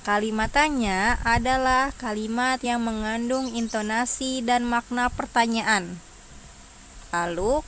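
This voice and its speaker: A woman's voice: fairly high pitch, fairly bright tone, a little hiss or hum. A woman primary school teacher, giving an online lesson to young children and patiently asking them questions before answering them herself.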